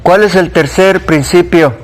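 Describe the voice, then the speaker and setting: A man's voice: high voice, unhurried. A man with a Mexican Spanish accent teaching a church Bible class, conversational, questioning the class and repeating key points.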